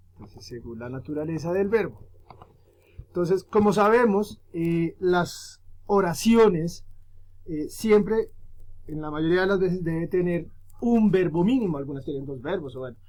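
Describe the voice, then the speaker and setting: Male teacher, slightly high voice, patient explainer who checks in with students constantly. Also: darkish tone. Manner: explanatory, frequent "¿cierto?" tag questions; fillers "eh" and restarts while explaining. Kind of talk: recorded grammar lesson for students.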